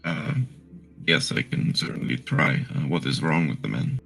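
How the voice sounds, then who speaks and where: A man's voice: extremely low pitch, moderate pace, gravelly, a bit bright, soft background music. A man playing a tabletop role-playing game, chatting and speaking for his character. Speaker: player. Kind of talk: tabletop role-play chat.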